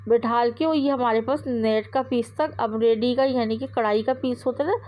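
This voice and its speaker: A woman's voice: on the high side, normal speed, muffled recording. A woman hosting a sewing tutorial, explaining step by step in a chatty, repetitive way with frequent fillers. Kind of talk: casual step-by-step instruction.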